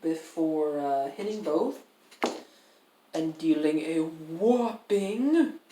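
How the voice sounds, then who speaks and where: A woman narrating as game master in a halting, filler-heavy way. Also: low-pitched, animated. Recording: echoey room, faint noise.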